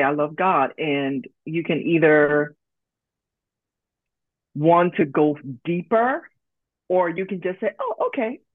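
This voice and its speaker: A woman from Liberia, a podcast guest talking in a calm, reflective way. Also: deep voice, no echo. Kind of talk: casual podcast chat. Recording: tinny phone-like line, dry.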